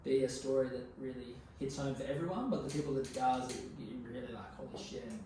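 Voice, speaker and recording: A young Australian man talks as a relaxed interview guest, using plenty of slang and swearing. His voice is picked up from a distance in a very echoey room, with clear background noise. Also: mid-range voice, fast talker. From Queensland, Australia. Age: 20s. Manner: laid-back, slangy, sweary. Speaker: podcast guest. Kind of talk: casual conversational interview.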